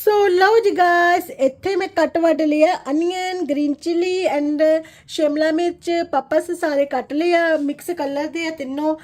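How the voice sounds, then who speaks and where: A woman's voice: extremely high pitch, steady tone, unhurried, hardly any pauses, a little mellow. A woman with a Punjabi accent chatting casually to viewers in a daily vlog, mixing in English phrases. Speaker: vlogger. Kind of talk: casual chat to viewers about daily routine.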